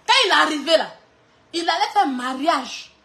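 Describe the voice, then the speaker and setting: A woman delivers a mocking insult clash, laughing through her lines. Her voice sits very high and swings widely in pitch. The tone is bright and sharp. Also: animated, normal speed. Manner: mocking, often laughing while talking. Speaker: online clash streamer.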